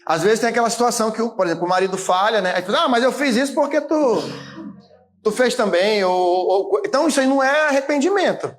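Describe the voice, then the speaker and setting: A man in his late thirties, a pastor, preaching a sermon in a conversational way, with frequent tag questions and occasional shouted emphasis. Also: very high voice, lively intonation, fast talker. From Brazil. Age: 30s.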